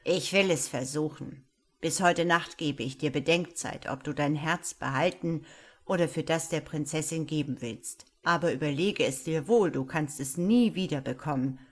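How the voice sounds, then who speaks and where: A woman's voice: low-pitched, normal speed. A woman doing a grim, growling old wizard. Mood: stern. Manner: growling, stern. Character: grim old male wizard, gruff but softening.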